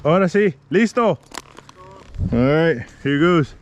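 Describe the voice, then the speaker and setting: Slow-talking man giving halting jobsite instructions. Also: a little high, lively intonation, lo-fi sound, noisy background. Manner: halting, repeats himself while instructing. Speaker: tree crew foreman giving instructions. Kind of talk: casual jobsite instructions, bilingual. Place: outdoors at a tree removal site.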